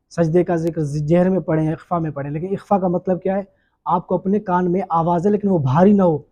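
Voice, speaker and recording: A man teaching the rules of prayer in a patient lecture, repeating each point and pausing with fillers. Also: high voice, warm tone, muffled recording. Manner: frequent hesitation fillers. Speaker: religious teacher.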